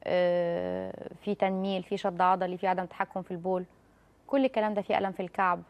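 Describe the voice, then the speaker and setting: In a TV studio, a doctor in her thirties with an Egyptian Arabic accent gives medical advice as a talk-show guest, speaking fast and reassuringly and calling callers "dear." Her voice is fairly low, with fairly even intonation.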